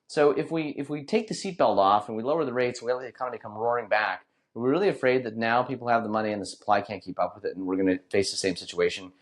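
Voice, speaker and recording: A man with a fairly low voice talks quickly and loosely, co-hosting a casual podcast. He rambles and restarts his sentences often, piling on fillers as he goes. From Northern California. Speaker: podcast co-host. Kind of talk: casual chat.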